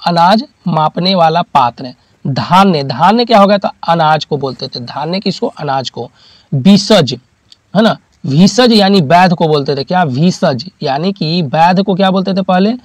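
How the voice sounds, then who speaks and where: A man teaches in a high, clear voice, and the recording is close and dry. He keeps asking listeners questions and then answers them himself. He repeats each key term, and his examples come from daily life. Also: expressive, measured pace, no echo. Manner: uses homely examples, repeats key terms. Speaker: exam-prep teacher. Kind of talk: classroom lecture.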